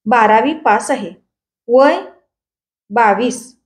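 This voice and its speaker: A woman's voice: on the high side, extremely slow. Woman reading as an earnest young bride. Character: young woman, orphaned, proud and humble.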